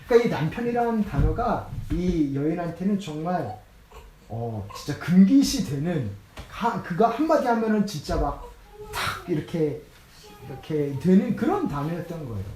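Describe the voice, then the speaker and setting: In a church sanctuary, a male pastor preaches conversationally in a mellow, rather high voice, very animated at a moderate pace, acting out scripture quotes. The mic is distant in an echoey room, with a little hiss or hum.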